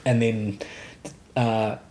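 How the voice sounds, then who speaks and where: A man co-hosting a casual chat, speaking haltingly with many restarts and fillers. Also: lowish voice, flat delivery, a little mellow.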